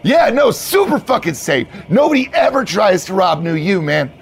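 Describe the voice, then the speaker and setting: A man voicing a hyped-up, profane young male bro manager who shouts and swears with manic enthusiasm during a tabletop game. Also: high voice, sing-song, normal speed, gravelly, husky, pitched above the performer's own voice, exaggerated voice. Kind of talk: tabletop role-play character voice.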